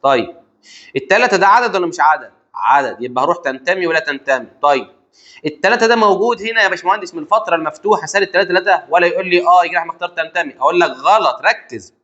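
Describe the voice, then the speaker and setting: A young man with an Egyptian Arabic accent teaching a math exam review, animated and repeating key rules to his students. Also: high voice, racing. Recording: lo-fi dull sound.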